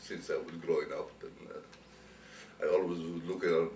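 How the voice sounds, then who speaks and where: Brief: older man from Egypt, very low voice, halting interview answers, distant roomy recording. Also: fairly even intonation, a little mellow. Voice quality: hesitant, many uhs. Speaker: interviewee, student's father. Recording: roomy, distant, faint noise.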